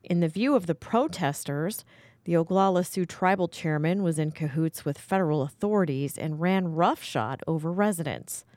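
American woman newsreader, lowish and dry. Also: normal speed, darkish tone, no echo. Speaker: radio news anchor. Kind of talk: scripted radio newscast.

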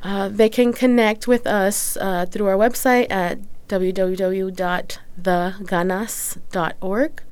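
A woman's voice: mid-range voice, fairly even intonation, takes it slowly, hardly any pauses, a little mellow, clear, resonant tone. A woman giving earnest, methodical explanations as an interview guest. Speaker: nonprofit executive director, interview guest.

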